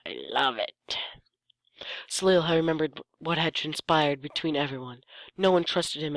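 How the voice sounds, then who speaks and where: A host gives a comedic reading of fan fiction and keeps breaking off for sarcastic asides about the writing. The voice sits at a middle pitch and sounds dry and close, with no room around it. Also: fairly bright tone, dry recording, poor audio. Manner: sarcastic, mocks the text and stumbles over lines. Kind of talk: comedic dramatic reading with commentary.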